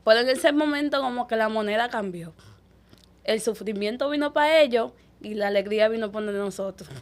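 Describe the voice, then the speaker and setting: Animated young woman telling her story. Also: fairly high pitch. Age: young adult. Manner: animated, quick, acts out quoted dialogue. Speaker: interview guest, young mother. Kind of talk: emotional personal storytelling.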